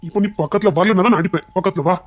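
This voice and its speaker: A woman's voice: lowish voice, lightly acted. A woman playing a remorseful young husband. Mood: firm tender. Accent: Tirunelveli Tamil. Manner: pleading, repeats apologies rapidly. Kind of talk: amateur web-series drama acting.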